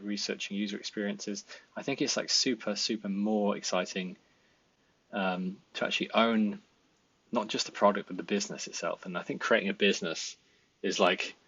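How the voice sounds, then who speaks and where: A Welsh man in his thirties, a designer and part-time founder, introduces himself casually in a vlog from a desk in a room at home. His voice is fairly low and a bit bright, and he rambles with lots of fillers and restarts. The recording is dry and muffled.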